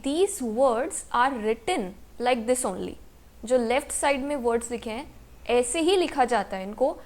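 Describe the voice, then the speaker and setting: Woman, language teacher, high voice, patient, asks and answers her own questions. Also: a little mellow. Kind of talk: slow explanatory lesson narration.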